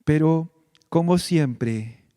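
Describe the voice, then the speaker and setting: Slow, high-voiced preaching pastor. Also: male voice, mellow, smooth, no room sound, studio quality. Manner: slow, earnest preaching addressing the congregation directly. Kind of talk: sermon.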